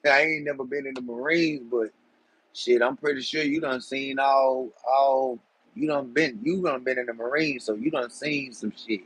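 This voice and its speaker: A man's voice: mid-range voice, a bit bright, breathy edge, rough recording. A man, hosting a casual live stream and chatting loosely with viewers in streetwise slang. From Georgia, USA. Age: 40s. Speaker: livestream host.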